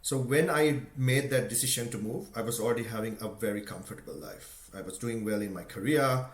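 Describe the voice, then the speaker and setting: A man's voice: medium pitch, brisk. Earnest man from Sri Lanka, echoey room. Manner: earnest, conversational, many "you know" and "right?" fillers. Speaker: motivational speaker. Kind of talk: unscripted motivational talk.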